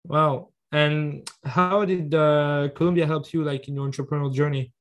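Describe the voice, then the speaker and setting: Higher-voiced male interviewer, hesitant. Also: steady tone, normal speed, fairly bright tone. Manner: hesitant, fillers before questions. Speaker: podcast co-host. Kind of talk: casual podcast interview.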